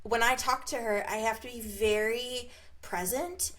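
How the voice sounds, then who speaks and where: A woman's voice: fairly high pitch, fairly even intonation, a little slow, fairly bright tone. A woman co-hosting an interview podcast, playful and joking in a casual chat. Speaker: podcast co-host.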